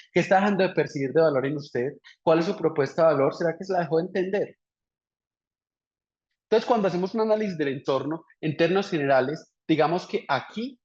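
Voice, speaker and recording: A man lecturing entrepreneurs on business strategy, firing off rhetorical questions and tagging his points with "right?". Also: on the high side. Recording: dull lo-fi recording.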